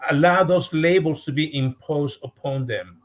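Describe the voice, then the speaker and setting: A podcast guest with a Mexican accent and a fairly high voice speaks earnestly but haltingly in an interview. He often repeats words as he restarts his sentences.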